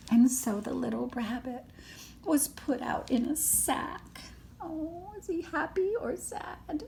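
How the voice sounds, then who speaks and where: A grandmother reads a storybook expressively to children, adding chatty asides, gasps and hushed remarks with dramatic, child-directed emphasis. Her voice sits high and a bit creaky, and she goes at a slow pace over slight background noise.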